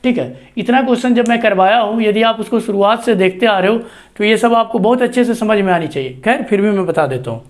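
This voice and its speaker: A man's voice: sits high, fairly quick. A man teaching math, explaining a proof step by step. He talks patiently and keeps checking with the students as he goes. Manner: patient, repeats checks like "see" and "okay".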